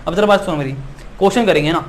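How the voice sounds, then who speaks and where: Rapid-fire and high-pitched, this male biology teacher's exam-prep lecture circles back over the same points while he repeatedly asks "है ना" to confirm students are following. Reassuring yet insistent, he promises results, with a faint hiss or hum behind him.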